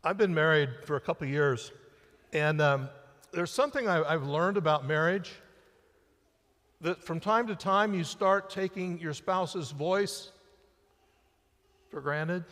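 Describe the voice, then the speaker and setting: A middle-aged male senior pastor preaching a conversational sermon in a church sanctuary, picked up by the church sound system, his voice rising and then falling to a hush for emphasis. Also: on the high side, a little slow, pauses often. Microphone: church sound system mic. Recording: live-stream with long church reverb.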